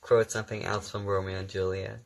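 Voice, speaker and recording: Speaking a little fast, this young actor has a low, creaky voice with little pitch movement, and German is his first language. On his phone livestream he casually reads viewer questions aloud, answering with ums and easygoing laughter.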